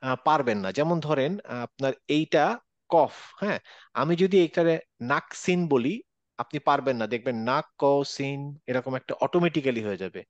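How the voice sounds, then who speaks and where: A man's voice: medium pitch, expressive, a little mellow, no echo. Guy teaching recitation over a call, drags out each sound and repeats it, kinda dull dry audio. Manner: demonstrates letters slowly, repeating sounds. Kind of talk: online class explanation. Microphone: video call.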